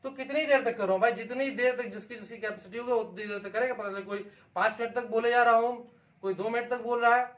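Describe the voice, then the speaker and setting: High-voiced man teaching in an echoey room. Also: fast. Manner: lively explaining, frequent check-ins with students. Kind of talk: exam-prep lesson. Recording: echoey room, distant mic.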